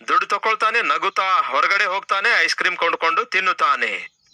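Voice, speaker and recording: A man's voice: a little high, bright, forceful tone, no echo, rough recording. A male pastor preaching a sermon, earnest, asking the congregation rhetorical questions. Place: church.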